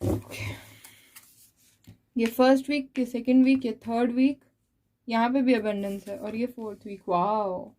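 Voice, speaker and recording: Female tarot reader, high mellow voice, calm card-by-card explanation aimed straight at the viewer. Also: rough recording. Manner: explains each card slowly, addressing the listener directly. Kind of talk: monthly tarot reading addressed to viewers.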